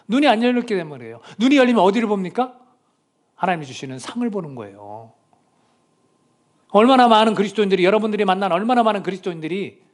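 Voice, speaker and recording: A middle-aged man preaching a sermon as pastor, earnest, swinging between loud pleas and hushed near-whispers. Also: high-pitched. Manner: acts out quoted voices of people and prayers.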